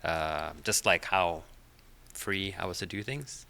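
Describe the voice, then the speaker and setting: A middle-aged man from Finland, a podcast guest whose first language is Finnish, chatting in a relaxed, hesitant way with many fillers. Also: deep voice, takes it slowly, gravelly. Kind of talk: casual interview chat.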